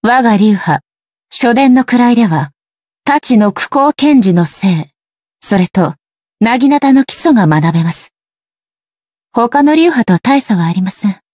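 An actress voicing a stern, ageless female shogun deity in a video game, speaking in a formal, measured, detached way. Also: on the high side, expressive, darkish tone, dry recording, studio quality. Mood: composed, instructive. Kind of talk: scripted video game character voice lines.

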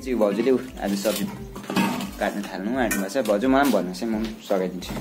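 Loud music sits behind the fairly low, quick-paced voice of a young village vlogger filming on a handheld phone. He narrates a casual vlog through his rural hillside home and village, indoors and out, chatting with family as he goes and mixing those asides with narration to camera.

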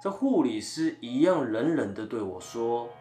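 一位带台湾腔的男声讲鬼故事，语调起伏丰富，讲得生动又有戏剧感，音高中等。录音空间有明显回响，背景铺着轻轻的配乐。. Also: male voice, medium pitch, a little slow. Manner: animated, dramatic storytelling. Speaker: ghost-story channel host. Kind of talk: ghost story narration. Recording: roomy, faint background music.

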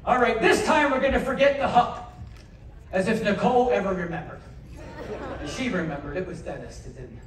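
High-voiced joking man on a theater stage. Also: moderate pace, slight background noise. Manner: joking, coaxing audience volunteers. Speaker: stage juggler and comedian. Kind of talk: live comedy stage patter. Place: large theater on a cruise ship. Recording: echoey theater from far off, audience.

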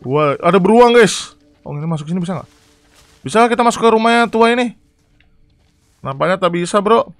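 A young man casually commentating a horror game live, chatty and excitable, reading chat and yelling at scares. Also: high voice, brisk, long pauses, dry recording. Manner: excitable, chatty, reacts loudly to scares and reads chat aloud. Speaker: gaming streamer.

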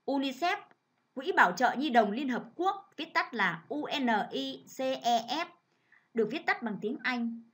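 A woman teacher leads a reading lesson for children. She reads in a clear, measured, instructive way. Her voice sits a little high. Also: animated, a bit bright. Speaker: primary school teacher.

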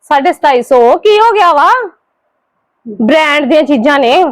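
A woman acting a scheming younger sister-in-law in a home drama skit, quick and defensive while sweet on the surface. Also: high voice, lively intonation, no room sound. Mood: pleading. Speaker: actor in a family skit.

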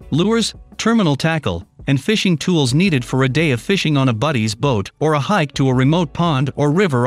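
A man narrating a scripted product review voice-over, reading lists of features in an even, advertising tone. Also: a little high, no room sound. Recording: faint background music under the voice.

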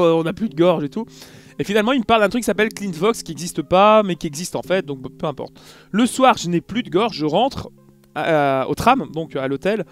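A man from France telling a casual vlog story, animated and full of fillers, acting out the people he talks to. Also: fairly high pitch. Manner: animated, acts out dialogue, many fillers. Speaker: YouTuber recounting an event.

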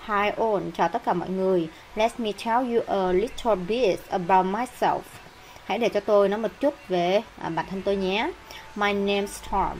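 A woman with a Vietnamese accent explaining an English textbook lesson, reading English phrases slowly and then translating them. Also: mid-range voice, a little hiss or hum, rough recording. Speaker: English teacher.

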